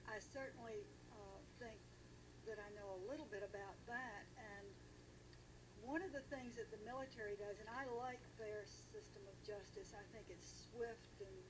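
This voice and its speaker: An American woman talking casually about politics in a deliberate, measured way with pauses, on a noisy recording. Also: mid-range voice.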